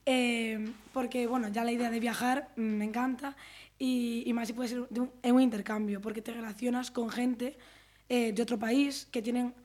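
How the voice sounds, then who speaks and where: A teenage student guest, chatty but hesitant, with frequent fillers. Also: female voice, fairly high pitch, steady tone, moderate pace, a little mellow. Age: teens.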